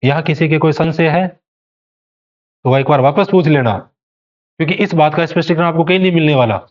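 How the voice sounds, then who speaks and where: A man's voice: on the high side, brisk, lo-fi sound. A male teacher giving an exam coaching lecture, explaining step by step and posing rhetorical questions to students.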